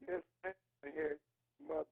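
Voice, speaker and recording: A man's voice: a little slow, no echo. A male caller on a call-in radio show. His phone line keeps breaking up, so his voice cuts in and out, and he answers politely with "yes, ma'am.". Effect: phone line breaking up, voice cutting in and out. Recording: tinny, distant phone line.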